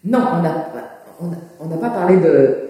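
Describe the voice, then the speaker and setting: A man's voice: a little high, expressive, normal speed, dark tone. A man giving a political analysis in an interview, with many fillers and restarts. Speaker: political commentator. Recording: echoey, distant from mic.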